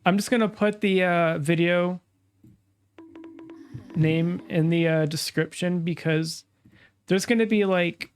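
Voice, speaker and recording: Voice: mid-range voice, fairly even intonation, takes it slowly, long pauses, clear, resonant tone, soft background music. A streamer hosting a casual live reaction, talking with a stuffy nasal sound, as if pinching the nose. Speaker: streamer and host.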